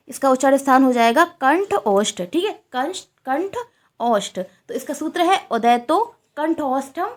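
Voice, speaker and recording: A woman teaching a Sanskrit exam-prep lecture, asking questions and repeating the answers. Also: high-pitched.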